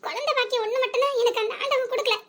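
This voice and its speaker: Young cartoon wife, voiced by a woman; emotional and reproachful, very high-pitched, southern Tamil accent. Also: fairly even intonation, very fast, fairly bright tone. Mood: hurt. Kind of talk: cartoon voice acting.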